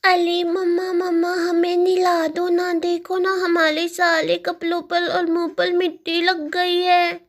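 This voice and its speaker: A woman's voice: very high voice, completely flat delivery, takes it slowly, hardly any pauses, voice pushed up, exaggerated voice. A woman voicing two little girls in a doll story, pleading and whining at their mother. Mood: whiny pleading. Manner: pleading, childish calls.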